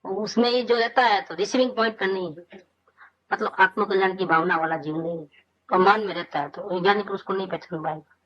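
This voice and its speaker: A man's voice: high-pitched, brisk. Male spiritual teacher, conversational discourse, rhetorical questions, muffled lo-fi sound. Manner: conversational, asks rhetorical questions and answers them. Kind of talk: informal scripture discourse.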